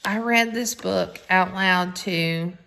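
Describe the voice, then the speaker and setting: A middle-aged woman with a fairly low, gravelly voice speaks slowly, sounding pushed and bright. She's hosting a family social media video, chatting casually and effusively into a handheld phone and rambling through asides as she introduces a bedtime story reading.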